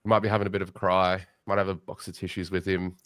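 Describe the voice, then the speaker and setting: A man's voice: deep voice, fast, smooth, dry recording, clean studio sound. A young Australian man hosting a casual late-night fantasy football chat, joking and bantering with his guests. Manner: joking, banter-heavy, excitable. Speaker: podcast host.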